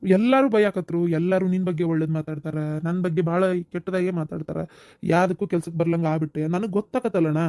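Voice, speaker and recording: A man's voice: high voice, fairly even intonation, fast, warm tone, no echo, clean studio sound. A man doing Rudra, a remorseful village brother. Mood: earnest. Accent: North Karnataka Kannada. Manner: earnest, apologetic, pleading.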